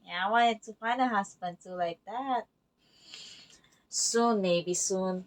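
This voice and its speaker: A woman's voice: medium pitch, takes it slowly. A woman hosting a movie reaction video, making casual remarks as she watches. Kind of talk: casual spoken reactions while watching a film. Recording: very noisy, film sound bleeding in.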